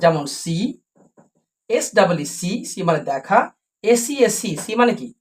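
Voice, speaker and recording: A woman teaching English letter sounds, repeating example words slowly and answering her own questions. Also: on the low side, lively intonation, a little mellow. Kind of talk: phonics lesson.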